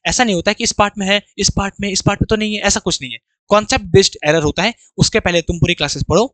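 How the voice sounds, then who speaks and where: A male English teacher preparing students for an exam goes through grammar slowly, reading sentences aloud one word at a time before explaining them. He speaks in a high, slightly bright voice, with no room sound.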